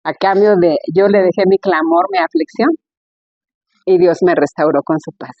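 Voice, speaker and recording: Woman speaker, conversational sermon, mid-pitch, animated storytelling, dull dry lo-fi sound. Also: moderate pace, gravelly, no echo. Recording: dull lo-fi recording.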